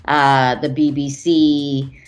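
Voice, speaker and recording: A woman's voice: sits low, little pitch movement, slow pace. A woman from Malaysia, a music manager, talking reflectively in a casual interview, with frequent restarts and fillers over a video call.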